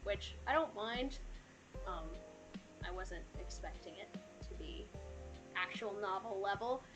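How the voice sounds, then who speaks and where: A woman's voice: medium pitch, animated, a little slow, low-quality recording. A woman chatting casually on a game stream in a chatty, apologetic, self-deprecating way. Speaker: streamer reading game dialogue aloud. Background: music playing.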